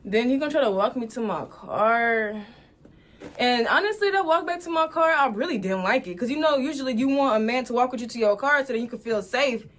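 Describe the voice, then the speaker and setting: A woman in her twenties telling a story to camera, animated and laughing as she talks straight to viewers. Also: a little high, a little fast. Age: 20s.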